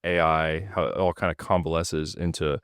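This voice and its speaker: Deep-voiced male interviewer. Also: moderate pace, smooth, no echo, studio quality. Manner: relaxed, asks open questions, laughs easily. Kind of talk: casual interview.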